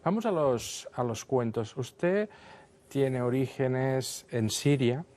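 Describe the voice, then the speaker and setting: A man's voice: mid-range voice, lively intonation, slow pace, a little mellow. A man interviewing a guest, hesitant and probing. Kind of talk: interview questions.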